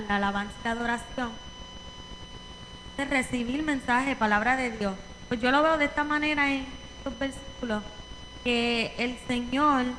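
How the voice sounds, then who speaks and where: Casting: Puerto Rican woman, congregant, high voice, echoing church, faint background noise. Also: pushed and bright. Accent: Puerto Rican Spanish. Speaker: congregation member. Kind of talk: sharing a Bible reflection. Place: church sanctuary.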